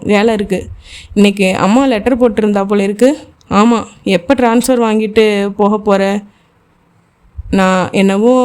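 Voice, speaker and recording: A woman reads a thriller novel aloud in a steady narrating voice of middle pitch. She voices each character's lines herself without changing her voice much. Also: smooth. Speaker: audiobook narrator.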